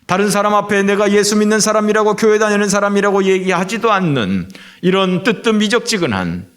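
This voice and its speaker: A middle-aged man from Seoul preaching a Sunday sermon as pastor in a church, pausing often with filler sounds. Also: sits high, animated. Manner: frequent filler sounds and drawn-out hesitations. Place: church sanctuary.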